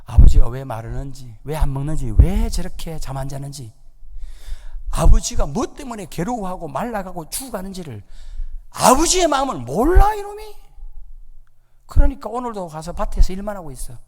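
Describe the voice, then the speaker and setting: A male pastor preaching in a church sanctuary with a fairly high voice. He swoops up and down as he acts out the story's lines. His voice carries a long hall reverb. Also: animated, brisk, crowd noise. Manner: dramatic storytelling with acted dialogue. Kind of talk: sermon.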